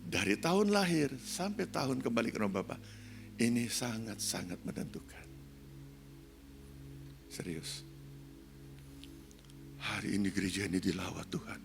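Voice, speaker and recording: An older man, a pastor, preaching a sermon, moving between soft low asides and loud, high-pitched exhortation. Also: animated, moderate pace, vocal fry, pauses often, over music. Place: church sanctuary.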